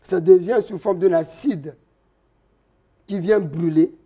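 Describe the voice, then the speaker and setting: A man, a traditional healer interviewed as a guest, explaining slowly and step by step with hesitations. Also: high-pitched, dark tone, slightly rough. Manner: slow, didactic, explaining step by step with many hesitations.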